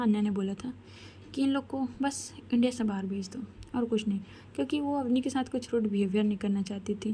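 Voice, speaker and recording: A woman storyteller narrating a romance in a chatty, soft-spoken way, addressing the listeners. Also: mid-range voice, slight background noise.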